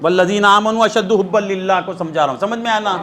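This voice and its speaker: A man's voice: high-pitched, a crowd in the background. A male preacher tells a devotional story in a sermon, often stopping to ask his listeners whether they have understood. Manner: asks the listeners rhetorical check-ins; retells a story with dramatized quotes. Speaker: preacher leading a weekly zikr gathering.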